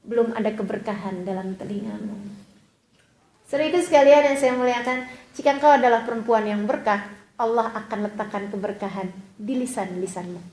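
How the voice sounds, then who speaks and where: An Indonesian woman delivers a sermon in a high voice, telling stories and acting out the people in them. Her voice rings through a large, echoey hall. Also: fairly quick. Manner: expressive storytelling, acting out quoted voices. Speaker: preacher. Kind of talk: sermon to a women's gathering.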